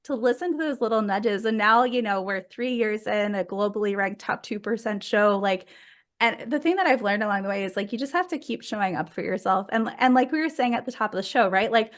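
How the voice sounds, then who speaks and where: A woman's voice: medium pitch, brisk. A woman in her thirties talks as a podcast guest, bubbly and casual. She laughs often and fills her sentences with "like" as she tells her story. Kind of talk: casual conversational interview.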